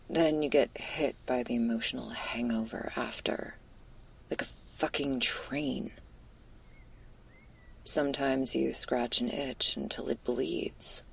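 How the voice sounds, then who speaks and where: Here a woman takes on a teasing, caring, easygoing stoner werewolf girl in intimate ASMR, her delivery breathy and close to a whisper, laced with crude slang. The voice is very deep and heavily acted.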